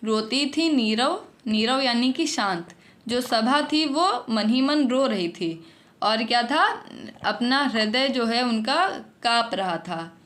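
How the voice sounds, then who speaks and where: Higher-pitched woman explaining poetry. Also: expressive, slow, a bit bright. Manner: reads verses then paraphrases in conversational explanation. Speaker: teacher. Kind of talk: explaining a Hindi poem line by line.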